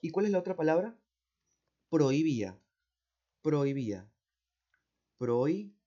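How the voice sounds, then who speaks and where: A man with a Peruvian accent walks through exam answers like a patient teacher, going slowly and repeating key words. His voice sits a bit high for a man. The recording sounds dull and muffled. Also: sing-song, warm tone. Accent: Peruvian Spanish. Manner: slow, repeats words, asks "¿no?" and "¿cierto?" often. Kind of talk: explaining exam answers step by step.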